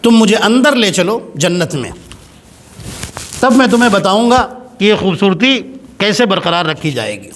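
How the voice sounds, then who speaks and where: A man's voice: sits high, big pitch swings, fairly bright tone, a little hiss or hum. A man preacher voicing a deceitful male devil who pleads with false tears. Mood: wheedling. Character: deceitful male devil feigning tearful piety.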